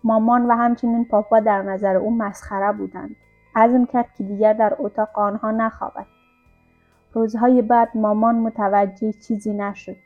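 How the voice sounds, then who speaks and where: A woman reading a literary novella aloud as an audiobook narrator, in a calm, even storytelling manner. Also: on the high side. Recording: dull lo-fi recording with faint music.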